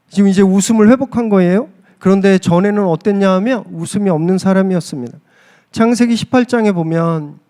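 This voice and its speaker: High-voiced man preaching a sermon. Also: dark tone. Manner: emphatic preaching, pitch climbing on key phrases. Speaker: pastor. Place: church service.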